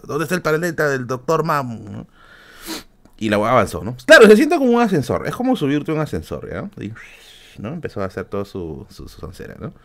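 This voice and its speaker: A man's voice: mid-range voice, brisk, creaky. A man with a Peruvian Spanish accent telling a story in a casual, comic way, swearing freely and dropping in fillers and tag questions. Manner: animated, profane, many fillers and tag questions. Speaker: podcast host.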